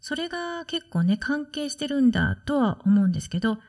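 A woman who works as a study-abroad consultant, hosting her own podcast in a relaxed, chatty way and explaining with soft asides. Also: sits high, a little fast. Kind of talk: solo podcast talk.

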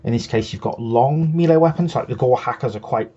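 A man's voice: mid-range voice, fairly quick, mellow, husky, highs cut off. A man co-hosting a hobby show, patiently explaining game rules in casual chat and often restarting his sentences. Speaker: co-host.

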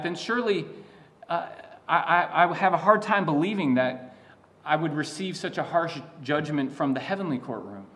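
A man's voice: fairly high pitch, fairly bright tone. A man preaching a sermon as a pastor, teaching in an earnest, emphatic way with frequent restarts and asides.

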